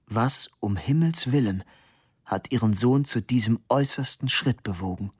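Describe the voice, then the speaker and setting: A man reading an audiobook and voicing a formal, fussy old male literary historian whose stiff speech turns shrill and indignant. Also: moderate pace, breathy edge, dry recording, studio quality, natural voice. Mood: formal, courteous. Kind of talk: audiobook narration.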